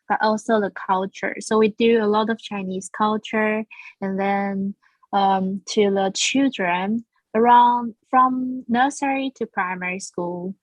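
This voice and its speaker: In a relaxed interview, a woman from Taiwan, founder of a language school, speaks earnestly and frequently starts her sentences over. She has a mid-range voice, and the recording is dull with no echo.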